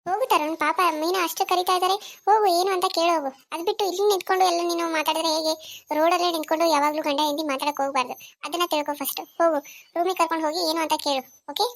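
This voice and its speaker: A woman's voice: very high voice, steady tone, rapid-fire, slight background noise. A woman voicing a bossy, meddling young woman friend in a cartoon serial. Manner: bossy, coaxing.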